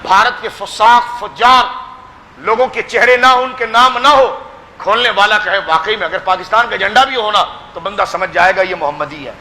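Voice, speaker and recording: A man's voice: high-pitched, bright, forceful tone, big-room sound, slight background noise. A man with a Pakistani Urdu accent giving a fervent religious sermon to a gathering, exhorting his listeners and calling them his children. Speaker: pir giving a religious speech.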